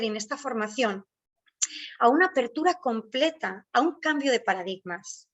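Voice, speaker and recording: A woman, indoors at home, leading a spiritual online workshop in a slow, deliberate manner with measured, repeated lists of phrases. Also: a little high, fairly bright tone. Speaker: workshop facilitator. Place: indoors at home, near a door.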